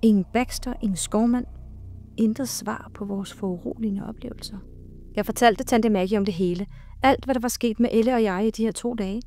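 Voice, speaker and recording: A woman giving a slow, hushed and dramatic scripted horror narration, with sudden loud cries. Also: fairly high pitch, fairly even intonation, slight background noise.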